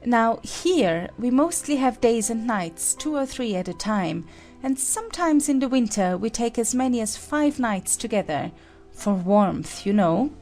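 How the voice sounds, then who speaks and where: A woman playing an imperious, snappish Red Queen in a dramatized storybook, brisk, bossy and quick to contradict. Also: on the high side, lively intonation, darkish tone, soft background music. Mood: haughty, bossy. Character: imperious, snappish Red Queen, a haughty chess-piece monarch. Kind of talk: dramatized audiobook acting.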